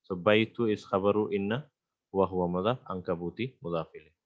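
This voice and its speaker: Heard through a muffled recording, a low-pitched man gives a step-by-step Arabic grammar lesson, reciting Arabic phrases and frequently stopping or using fillers.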